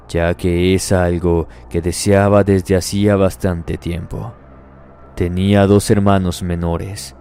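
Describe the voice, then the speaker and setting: Deep gravelly man narrating horror. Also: warm tone, slight background noise.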